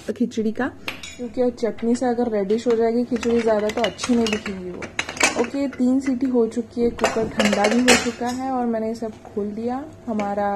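A woman, hosting a casual cooking tutorial and explaining each step as she cooks. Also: a little high. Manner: chatty, explains each step while stirring. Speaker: cooking channel host. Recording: noisy kitchen with frying sizzle.

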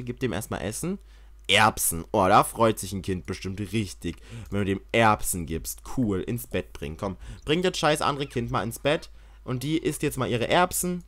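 A young man commentating a life-sim game he is playing, excitable and swearing, often yelling in mock outrage. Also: mid-range voice, no echo. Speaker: gaming YouTuber. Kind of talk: Let's Play commentary.

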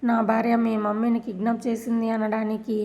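A stern, hot-tempered middle-aged husband shouts his demands, as a woman narrator puts him on. The voice stays fairly high and level. He sounds like a character from a family serial being retold. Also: monotone, brisk, close to an everyday voice. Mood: shouting, stern.

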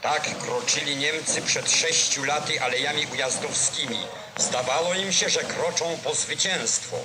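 A man's voice: on the high side, unhurried, low-quality recording. A man narrating a 1940s newsreel in a solemn, declamatory old-style. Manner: solemn, declamatory, formal delivery. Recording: vintage 1940s newsreel soundtrack with music.

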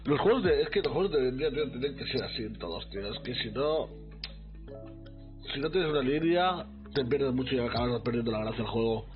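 A man with a Spain Spanish accent giving excitable live commentary on his gameplay, talking to his chat. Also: medium pitch, brisk, narrow, tinny audio, music in the background. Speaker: streamer.

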